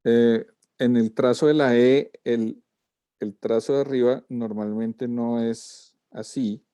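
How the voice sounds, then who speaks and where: A man's voice: mid-range voice, steady tone, takes it slowly, dark tone, clear, resonant tone, no echo. A man, a lettering teacher giving a student feedback over a video call, walking through corrections step by step. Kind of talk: class critique of student work.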